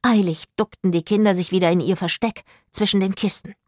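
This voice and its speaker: A woman narrating a children's audio mystery with expressive storytelling. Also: medium pitch, fairly quick, no echo, clean studio sound.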